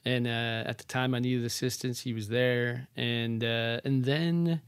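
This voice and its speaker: Smooth-voiced man telling stories on a podcast. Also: medium pitch, a little slow, dry recording, studio quality. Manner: animated storyteller with rhetorical questions. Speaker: podcast guest, real estate agent. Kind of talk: casual podcast interview.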